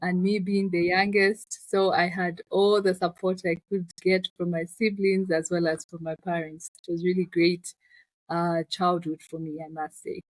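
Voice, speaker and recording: Speaking as an interview guest, a Zambian-accented woman who founded a finance business reflects conversationally on her personal story. Her voice is on the low side and flat, her pace moderate, and the recording is low-quality with no echo.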